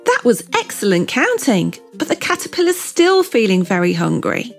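Lively high-pitched woman, kids show host. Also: normal speed, vocal fry, faint music behind. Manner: kids show host, simple encouraging phrases and questions to the viewer. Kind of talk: scripted educational narration for young children.

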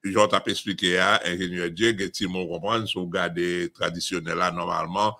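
Emphatic low-voiced Haitian man. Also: fairly even intonation, fairly quick, sharp tone. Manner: emphatic, repeats and restarts phrases. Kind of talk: casual discussion.

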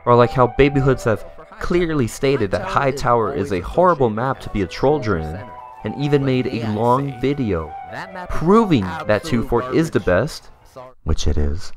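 A young man delivering a mock-serious comedic voice-over as a gaming YouTuber. His tone is deadpan and sarcastic, and at times it slides into exasperated rants. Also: medium pitch, moderate pace. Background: faint background music.

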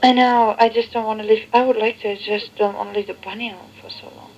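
A woman's voice: fairly even intonation, quick pace, darkish tone. A woman chatting casually on a phone call, recorded on an old worn answering machine tape. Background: played back through a cassette boombox.

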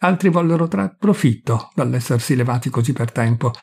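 A man narrating a classic short story as an audiobook, reading in a measured way and giving the characters' lines small shifts of voice. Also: medium pitch, expressive, gravelly, darkish tone, slightly rough. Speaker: reader of literary fiction.

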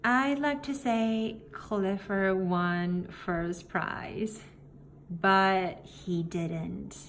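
A woman with a mid-range voice reads a picture book aloud for young kids, very unhurried and deliberate, pausing between simple phrases. The setting is an indoor room with the book filmed on a table, and faint room noise can be heard behind her.

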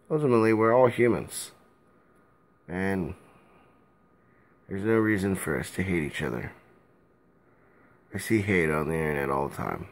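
A young man, drunk, giving a rambling casual vlog rant in a halting, loose way and repeating himself, recorded on a phone held at arm's length in a small room at home. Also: deep voice.

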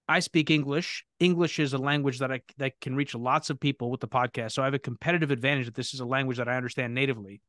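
A man with a fairly high voice hosts a live podcast Q&A, talking with energy and often restarting his sentences as he self-corrects. The recording is dry with clean studio sound.

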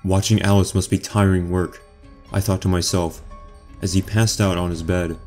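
A man narrating a horror story in the first person, quiet, measured and menacing. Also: low-pitched, level tone, faint music behind.

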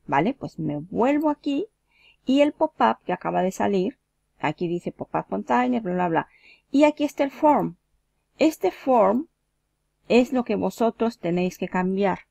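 A woman's voice: mid-range voice, vocal fry, a little mellow, no room sound. A woman from Mexico teaching web marketing, talking casually through each click step by step in a screen-share tutorial.

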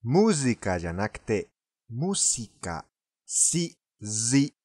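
A man's voice: mid-range voice, very animated, brisk, slight background noise. A native Spanish-speaking man with a foreign accent, giving language lesson commentary.

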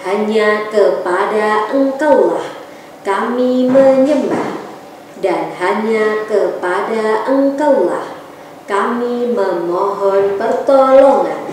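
A middle-aged woman with an Indonesian accent, a teacher leading children's prayers, reciting deliberately phrase by phrase. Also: mid-range voice, darkish tone. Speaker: kindergarten teacher. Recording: very echoey room, distant mic, faint noise.

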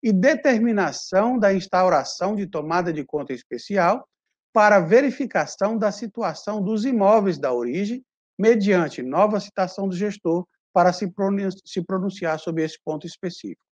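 A man, a public prosecutor, reading a formal legal opinion in a measured way over a video call. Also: high-pitched, highs cut off.

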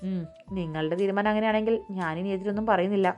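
A scolding, sharp-tongued old grandmother , voiced by a woman narrator, dripping contempt in a mid-range voice. Soft music hums under the storybook reading. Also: medium pitch, quick pace, lightly acted.

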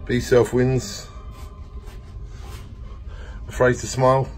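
A man in his forties talks into a phone held at arm's length inside a small home. His voice sits at an ordinary middle pitch. He rambles cheerfully and sometimes sinks to a low murmur, with faint music playing behind him. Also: monotone, slow pace. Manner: rambling, upbeat, drifting into soft murmurs. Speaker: vlogger. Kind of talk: casual home vlog.

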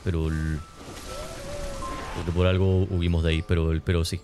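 A man's voice: sits low, flat delivery, normal speed. A young man, raised in Spain and Argentina, casually chatting with his stream chat while gaming, coughing now and then. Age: young adult. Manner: rambling, joking, answering chat. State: persistent cough. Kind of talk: casual gameplay commentary, reading chat. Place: home streaming room. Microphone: desk mic near webcam. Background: game music.

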